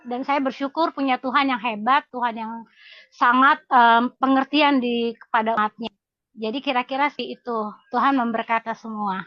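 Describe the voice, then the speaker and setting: Woman, middle-aged, high voice, earnest testimony, halting, dull video-call audio. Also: steady tone, no echo. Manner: emotional, earnest, halting with many fillers. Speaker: congregation member sharing testimony. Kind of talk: casual spoken testimony.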